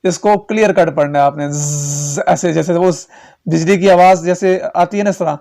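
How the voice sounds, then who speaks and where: A man with a Pakistani Urdu accent teaching Quran reading, slowly chanting drawn-out syllables and then explaining quickly while checking in with the learner. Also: on the high side, steady tone, gravelly, warm tone. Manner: checks in with repeated questions to the learner. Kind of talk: recorded tajweed lesson.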